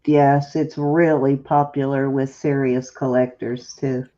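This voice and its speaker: Woman co-host calling bids, low and mellow, dull lo-fi sound. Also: little pitch movement, slow. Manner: calls bids auction-style between easy chat. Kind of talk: casual live-sale chat.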